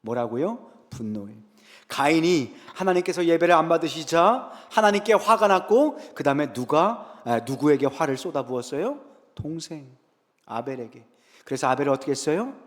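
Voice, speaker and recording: A male pastor preaching a sermon in a church sanctuary. He retells Bible scenes in a lively way, asking the congregation questions and answering them himself. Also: a little high. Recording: long reverb in a large sanctuary.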